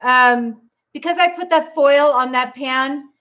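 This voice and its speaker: High-voiced grandmother chatting while cooking. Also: slow pace, bright, forceful tone, muffled recording. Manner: chatty, talks straight to viewers. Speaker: keto cooking livestream host, grandmother. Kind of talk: casual livestream chat while cooking. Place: home kitchen.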